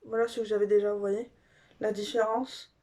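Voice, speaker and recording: A woman beauty vlogger chatting casually through a makeup haul review, gushing and filling pauses with little fillers. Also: mid-range voice, level tone, dark tone.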